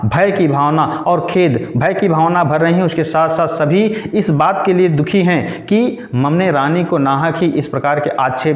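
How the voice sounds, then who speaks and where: A man teaching a poetry lesson, reading verse lines slowly and then explaining each one in plain words. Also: on the high side. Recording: echoey lo-fi room recording.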